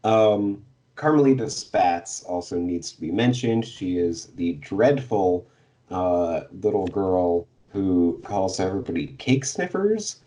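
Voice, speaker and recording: A man's voice: deep voice, expressive, slow pace, warm tone. A man co-hosting a podcast, summing up a book's plot in casual chat, hesitant with many fillers and little laughs. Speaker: podcast co-host giving the plot summary.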